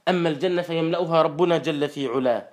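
A high-pitched man gives a sermon, stretching out recited verses slowly and then explaining them in a quicker, plainer tone. His delivery swings between solemn recitation and earnest teaching. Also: darkish tone. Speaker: preacher. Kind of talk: Quranic exegesis sermon.

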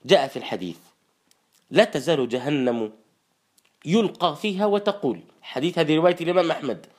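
A high-pitched man gives a sermon, stretching out recited verses slowly and then explaining them in a quicker, plainer tone. His delivery swings between solemn recitation and earnest teaching. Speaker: preacher. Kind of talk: Quranic exegesis sermon.

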